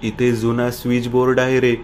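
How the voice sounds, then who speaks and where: A man voicing a calm young man in a horror story who reassures his friends and calls after a missing one. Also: medium pitch, normal speed, slight background noise, close to an everyday voice. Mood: calling out.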